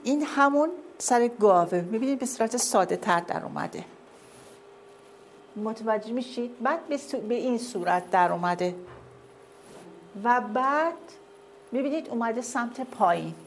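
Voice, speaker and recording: A woman's voice: on the high side, expressive, pauses often, slight background noise. A woman giving a classroom lecture with slides, often asking her listeners whether they see and follow.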